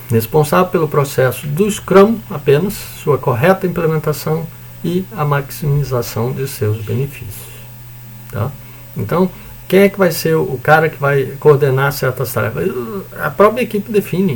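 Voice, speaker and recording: A man with a Brazilian accent teaches in a loose, conversational lecture, checking in with his listeners and tossing in mild swearing. His voice has a gravelly edge to it. A faint hiss of noise sits under the recording. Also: a little high. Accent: Brazilian Portuguese. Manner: casual, chatty explaining with frequent "né?" and "tá?"; mild swearing and joking asides. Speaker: university lecturer.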